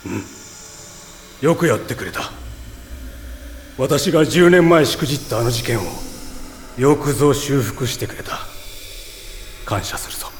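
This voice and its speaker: A man playing a stern, fatherly time-police chief who speaks slowly and tersely, heard as a police radio transmission from headquarters. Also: mid-range voice, expressive. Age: middle-aged. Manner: slow, terse, commanding. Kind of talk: audio drama acting. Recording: distant reverberant radio with faint hiss.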